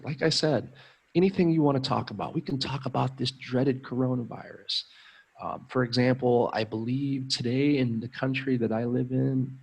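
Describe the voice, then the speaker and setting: This friendly American man tutors English on a relaxed live stream, talking cheerfully and saying um often. His voice is mid-range, with vocal fry and a breathy edge.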